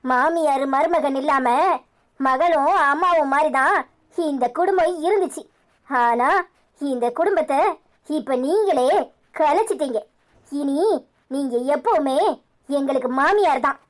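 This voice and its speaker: A defiant young daughter-in-law in a cartoon serial, as a woman acts her out, with a high voice and a Tirunelveli Tamil accent. She speaks firmly and reproachfully. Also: a little slow, pauses often. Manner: firm and reproachful.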